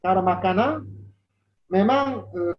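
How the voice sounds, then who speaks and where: A man with a Japanese accent, a non-native speaker in an online interview, talking haltingly as a foreigner, repeating words while searching for the next. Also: sits high. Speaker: interview guest. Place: online video call. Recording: muffled, faintly noisy video call.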